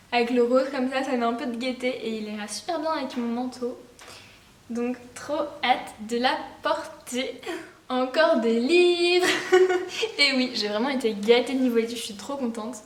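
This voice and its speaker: A teenage girl vlogs about her presents in an excited, rambling way, full of fillers and false starts. Her voice sits a touch high. The room is echoey and she is some distance from the microphone. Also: a little hiss or hum. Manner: bubbly, rambling, many fillers and restarts. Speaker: vlogger. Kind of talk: casual gift haul vlog.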